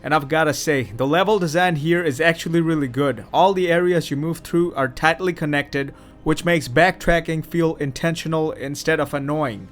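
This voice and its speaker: A male game reviewer with a slightly high voice talks bluntly and sarcastically, with plenty of swearing in casual commentary. Faint music runs under his voice. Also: moderate pace, few pauses. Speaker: game reviewer, channel host.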